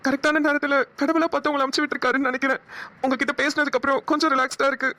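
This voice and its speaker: A lonely, heavy-hearted young man in a cartoon, played by a woman. The voice sits high and the words come fast. He sounds mournful and worn down. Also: flat delivery, bright, forceful tone. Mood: sad, lonely. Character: sad lonely young man, caring brother. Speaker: cartoon voice actor. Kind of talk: Tamil cartoon dialogue.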